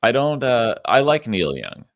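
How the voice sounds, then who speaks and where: A man co-hosting a podcast in casual chat, lively and snarky, swearing freely. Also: mid-range voice, unhurried. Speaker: podcast co-host.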